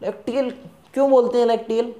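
Male biology teacher, teasing exam-prep lecturer, warm dark tone, mix. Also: sits high, measured pace. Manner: teasing, answers his own questions in a student voice.

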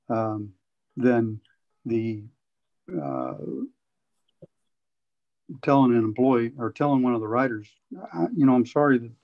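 A man's voice: mid-range voice, muffled recording. A man in a video call meeting, insistently clarifying his point.

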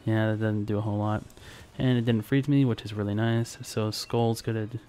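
A man's voice: on the low side, fairly even intonation, a little fast, warm tone, a little hiss or hum. Chatty man narrating his gameplay. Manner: chatty, talks to the game and his creatures. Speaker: gaming YouTuber. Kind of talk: casual Let's Play commentary. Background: faint game music.

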